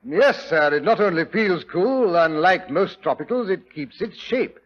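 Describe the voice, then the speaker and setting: An actor playing a genial, fussy older doctor with a British accent, telling tales in a theatrical 1940s radio style. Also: male voice, high voice, expressive, measured pace. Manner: avuncular, theatrical, hesitating storyteller. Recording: dull vintage 1940s radio recording.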